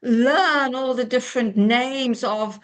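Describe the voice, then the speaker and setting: Slow, halting older woman, high voice. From South Africa. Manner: halting, many uh fillers. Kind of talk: casual group video chat.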